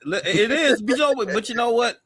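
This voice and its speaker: A man's voice: very high voice, animated, fairly quick, fairly bright tone. A man co-hosting a casual sports talk show, asking pointed questions and repeating phrases.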